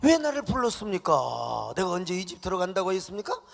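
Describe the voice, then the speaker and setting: A preacher acting out an indignant Moses. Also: male voice, sits high, huge pitch swings, brisk, gravelly, long reverb tail, exaggerated voice. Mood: protesting. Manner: protesting, exasperated questioning. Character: Moses, an indignant older male prophet complaining to God.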